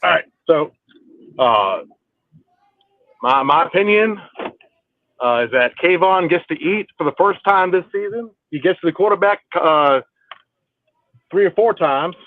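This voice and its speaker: A man's voice: on the high side, expressive, a little slow, long pauses, no echo. A man calling in on speakerphone from a car, casually giving his sports prediction. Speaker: podcast panelist. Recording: tinny speakerphone line.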